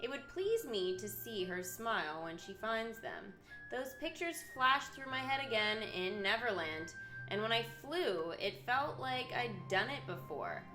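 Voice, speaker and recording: A woman streams a video game, switching between live commentary and reading the story text aloud in an unhurried, expressive voice on the high side. The recording has a roomy echo, with video game music playing behind her.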